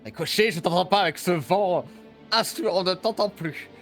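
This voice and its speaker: A man's voice: high-pitched, moderate pace, fairly bright tone, faint music behind. A man playing an aging, pompous, stubbornly optimistic knight in a tabletop game, speaking grandly and hesitantly. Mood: pompous, weary. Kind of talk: tabletop role-play acting.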